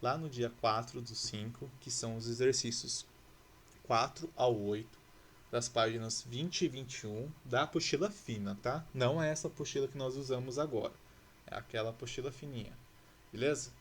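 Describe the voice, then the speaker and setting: A man's voice: mid-range voice, normal speed, slight background noise. A male teacher from Brazil talking through exercises in a recorded lesson, patiently explaining and asking rhetorical questions.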